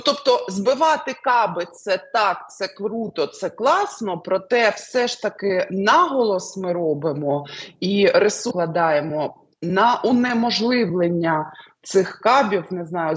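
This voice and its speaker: A woman's voice: fairly low pitch, husky. A woman tarot reader answering questions, hesitant with many fillers. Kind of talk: interview answers, fortune-telling.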